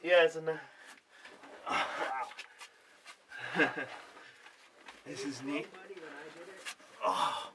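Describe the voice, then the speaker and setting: A man's voice: on the high side, steady tone, drawn-out words, long pauses, sharp tone, a little hiss or hum. A man chatting casually and with awe as he explores a cave as an amateur caver. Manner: awed, marveling. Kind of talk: casual exploration vlog chat. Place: in and around a small marble cave.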